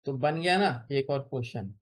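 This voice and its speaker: A man tutoring beginners in spoken English over a video call, patient and encouraging, repeating example phrases slowly. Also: mid-range voice, expressive. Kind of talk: online spoken English lesson.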